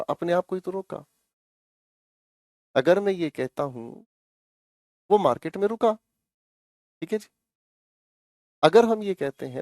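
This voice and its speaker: A man's voice: high voice, a little mellow, dry recording, studio quality. A male teacher explaining English grammar to an online class, coaxing and repeating himself, calling the students his children.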